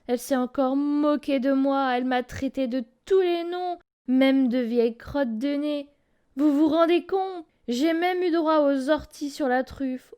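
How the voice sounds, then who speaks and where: A woman doing a whiny, cowardly storybook wolf. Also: dark tone. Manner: high whiny wailing. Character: timid crybaby male wolf, easily scared.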